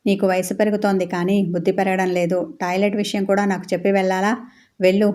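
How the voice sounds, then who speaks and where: A woman's voice: lowish voice, flat delivery, a little fast, dark tone, natural voice. A woman voicing a middle-aged mother of the bride who scolds her daughter anxiously. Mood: scolding. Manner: scolding, tense.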